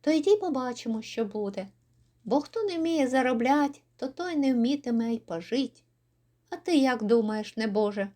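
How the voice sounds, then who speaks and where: A woman voicing an old Cossack father who gives slow, instructive, grumbling advice to his son. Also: a little high, lively intonation, mellow, natural voice.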